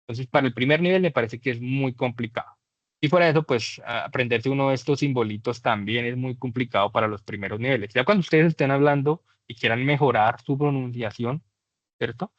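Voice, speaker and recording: Guy teaching english class, explains slow and patient, stretches out the vowels, muffled dry lo-fi sound. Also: medium pitch, no room sound. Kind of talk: class lecture. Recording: dull lo-fi dry recording.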